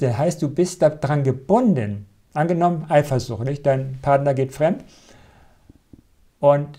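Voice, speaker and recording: Calm man, mellow voice, meditation teacher. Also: a little high. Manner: calm, gently reassuring, often adds a questioning "nicht?". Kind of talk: live spiritual talk, answering viewer questions.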